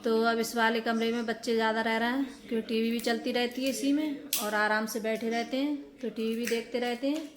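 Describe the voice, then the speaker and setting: A young woman talks over her home vlog footage in a relaxed, rambling voice-over. Her voice sits a little high but barely rises or falls. She moves from one small thing to the next with plenty of fillers. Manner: flat, unhurried, lots of fillers. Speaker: home vlogger.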